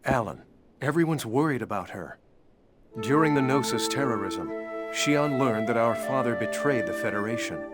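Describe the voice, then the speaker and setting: Stoic older brother played by a man, game drama: mid-pitched, grave, deliberate, loud music behind. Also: lightly acted. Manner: serious, restrained, deliberate. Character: stern, composed elder brother, quietly worried. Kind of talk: dramatic game cutscene acting.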